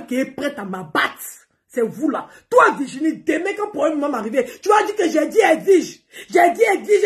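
A woman, talking straight to her followers in a scolding, confrontational rant and often repeating herself. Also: sits high. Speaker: social media personality. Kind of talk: angry direct-to-camera rant.

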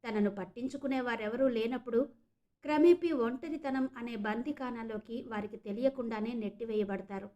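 A woman voicing a calm, patient doctor. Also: fairly high pitch, brisk, dull audio, close to an everyday voice. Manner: patient, explanatory. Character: calm middle-aged male doctor.

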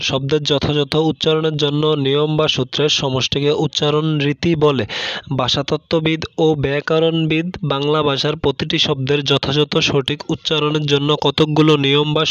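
A man reads a lesson aloud in a flat, even voice that sits a little high. He goes slowly and carefully and says each example word twice. The recording is dry and a bit dull. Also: dry recording. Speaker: online teacher. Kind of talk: reading out an assignment answer sheet.

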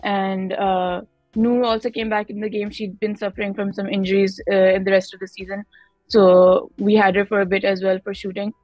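A woman's voice: mid-range voice, level tone, normal speed, a little mellow, dry recording, faint music behind, poor audio. A young Pakistani-accented woman giving conversational interview answers as a guest player, switching between Hindi-Urdu and English mid-sentence. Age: young adult. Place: indoor room, on a video call.

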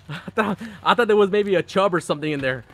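A man's voice: sits high, fairly quick, vocal fry, fairly bright tone. A middle-aged man hosting a fishing channel, chatting casually on a live stream from his backyard, with plenty of fillers, restarts and bursts of laughter. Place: outdoors in a backyard under a canopy. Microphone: phone camera close up.

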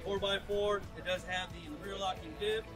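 Man pitching farm vehicles outdoors, music behind. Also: steady tone, normal speed. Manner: casual, repeats "it does have", filler-heavy. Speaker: product rep at a farm show. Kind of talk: walkaround sales pitch. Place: outdoor farm show grounds.

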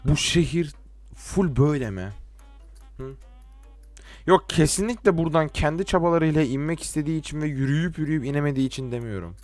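A teenage man from Turkey giving casual, joking gameplay commentary, talking to game characters and swinging from quiet mutters to sudden shouts. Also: a little high, fairly quick, soft background music. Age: late teens. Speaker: gaming YouTuber.

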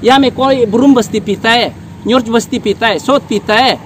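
A man's voice: extremely high pitch, fairly quick, a bit bright, a little hiss or hum. A village council leader speaking emphatically at an outdoor press briefing, pressing his appeal with rising force.

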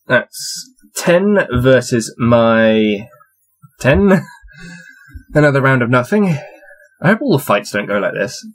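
A medium-pitched man in his twenties, heard on a rough recording, reads a fantasy gamebook aloud at his desk. It's a casual read-along with amused laughs and commentary on his dice rolls, set indoors in a small cluttered room with shelves.

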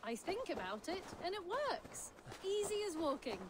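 An actress playing a confident, breezy young huntress companion in a video game. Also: female voice, very high-pitched, very animated, normal speed, noisy background. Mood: confident, urging.

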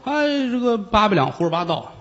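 A man's voice: high voice, very animated, brisk, highs cut off, voice pushed up. A man voicing a loyal, shrewd middle-aged house steward who talks bluntly and suspiciously.

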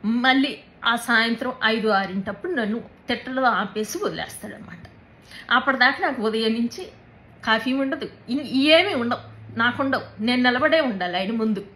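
A woman giving a personal account in an interview, speaking haltingly, repeating words and mixing in English words. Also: on the high side, bright, forceful tone, low-quality recording. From Andhra Pradesh, India.

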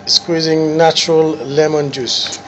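A man's voice: on the high side, flat delivery, takes it slowly, dull audio. Man naming spices over kitchen noise. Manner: names each ingredient in short phrases. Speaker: cooking channel host. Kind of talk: casual cooking narration. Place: restaurant kitchen.

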